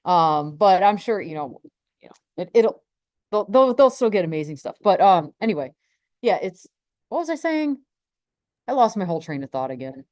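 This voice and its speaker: A woman's voice: medium pitch, very animated, normal speed, a little mellow, no echo. A woman hosting a casual live stream about space weather, rambling with many restarts and laughs.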